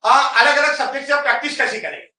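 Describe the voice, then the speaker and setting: Racing along in a very high, bright voice, this male English teacher keeps a steady tone yet sounds forceful as he directs his class. "ठीक है?" comes up again and again as he instructs and checks on students. Recorded by a faraway camera, his voice echoes through the room from a distance.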